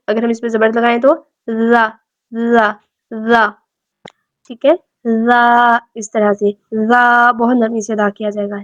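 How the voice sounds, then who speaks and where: A woman gives a beginners' tajweed lesson in a somewhat high voice. She repeats every point and drags out each letter sound slowly so learners can follow. The recording is a bit dull and lo-fi. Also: dry recording. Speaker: Quran recitation teacher.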